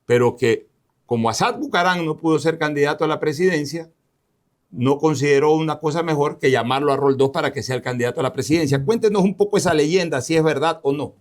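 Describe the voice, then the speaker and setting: A man's voice: a little high, fairly quick. A man from Ecuador hosting a radio interview, asking direct, pressing questions.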